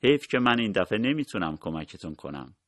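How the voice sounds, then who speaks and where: A man reading the lines of a weary, gentle wife in a storybook, keeping his own low voice and speaking quietly and wistfully. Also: very animated, no room sound, clean studio sound.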